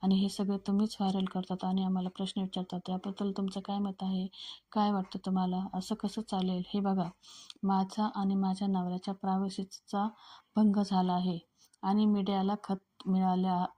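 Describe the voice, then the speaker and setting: A woman's voice: mid-range voice, completely flat delivery, normal speed, mellow, close to an everyday voice. A woman reading Kavya, a poised, cutting young wife. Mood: defiant. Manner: firm, sarcastic retorts. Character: composed young wife, sharp with the press.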